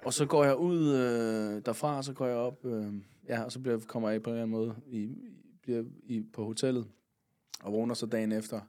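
A man's voice: mid-range voice, fairly even intonation, a little mellow. A man from Funen telling a long story as a podcast guest, rambling along with lots of fillers and casual swearing. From Funen, Denmark.

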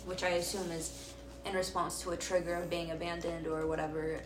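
A woman's voice: on the low side, flat delivery, fairly quick. A woman co-hosting a casual podcast chat, rambling with many fillers and reading aloud from her phone. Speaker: podcast co-host. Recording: roomy and distant, noisy.

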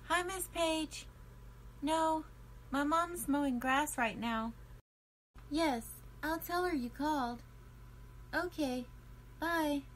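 A woman voicing a curious young girl in a storybook, speaking softly and slowly in a light, wondering tone. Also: high-pitched, slight background noise, pitched above the performer's own voice, low-quality recording. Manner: soft, slow, wondering.

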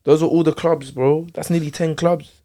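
A man's voice: a little high, flat delivery, moderate pace, warm tone. A man with an urban London roadman accent in a casual football debate, repeating and restarting his points with street slang. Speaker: football show panellist.

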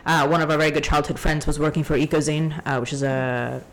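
A young woman from Hong Kong telling a story in a casual podcast chat, ranty and animated. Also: deep voice, fast. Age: young adult. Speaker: guest.

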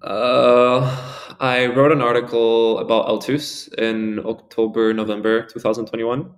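Unhurried and medium-pitched, his voice barely moves in pitch. He's an early-twenties Spaniard guesting on a podcast, and his answers meander casually, leaning heavily on "like," "um," and similar fillers.

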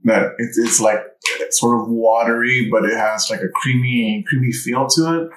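A man co-hosting a podcast in casual chat, rambling with halting restarts. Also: medium pitch, fairly even intonation, a bit bright. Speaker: podcast co-host. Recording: echoey room.

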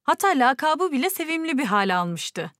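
A woman reading a children's story aloud, lifting her voice for the excited lines. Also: high-pitched, normal speed, no echo, studio quality.

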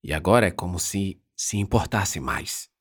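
A middle-aged wife presses her husband with questions, a little reproachful, as a male narrator voices her. The voice stays low and husky in this audiobook reading. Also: expressive, moderate pace. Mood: questioning. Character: middle-aged wife and mother, probing and worried.

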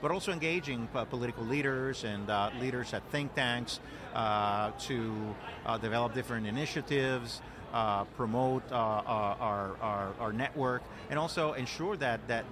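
Interviewed as a guest at an outdoor event, a political director from Puerto Rico speaks earnestly in a conversational way, with frequent fillers and repeated words. His voice is medium-pitched, and there's background noise.

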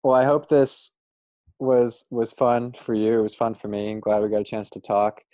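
A man hosting a podcast interview, talking in a relaxed, rambling way and laughing easily. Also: mid-range voice, normal speed, no echo. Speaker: podcast host. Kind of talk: casual interview chat.

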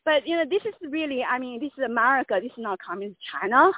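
Female caller, high voice, halting unscripted complaint over thin phone audio. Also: expressive, dry recording. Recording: tinny dry phone line.

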